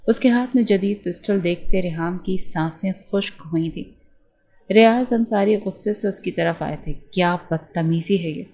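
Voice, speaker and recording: A woman reads a romance novel aloud at a medium pitch, staying steady and even as she takes every part herself. Her delivery is scripted storytelling. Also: normal speed. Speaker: novel narrator. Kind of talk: scripted narration of a romance novel with acted dialogue.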